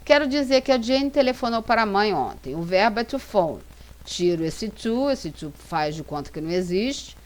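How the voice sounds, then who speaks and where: A Brazilian woman with a Brazilian Portuguese accent, an English teacher narrating a slide lesson and reading example sentences slowly and carefully. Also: mid-range voice, animated. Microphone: voice-over for slides.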